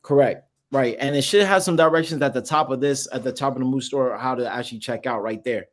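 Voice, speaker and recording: Man heard over a choppy video call. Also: mid-range voice. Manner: halting, restarts phrases with many fillers. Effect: video call audio with dropouts. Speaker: guest, founder of a collectibles project. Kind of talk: casual interview answers.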